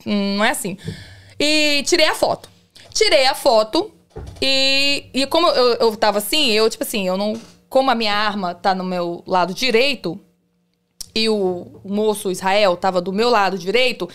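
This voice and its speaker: A woman's voice: mid-range voice, a bit bright, clean tone. A woman, a police officer, telling stories on a podcast in a chatty way, often checking that her listeners follow. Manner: rapid, chatty, keeps asking "you understand?". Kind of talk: casual podcast storytelling.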